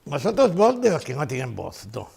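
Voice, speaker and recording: A man's voice: on the high side, huge pitch swings, normal speed, creaky, a little mellow, breathy edge. A man giving a conference lecture, emphatic, repeating his key phrases and asking rhetorical questions.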